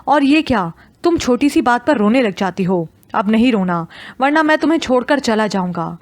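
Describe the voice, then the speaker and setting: A gentle, teasing young husband, read by a woman narrator in an audio novel. He speaks softly and coaxingly, in a voice on the higher side, close and dry. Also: expressive, dry recording, close to an everyday voice. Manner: soothing, coaxing.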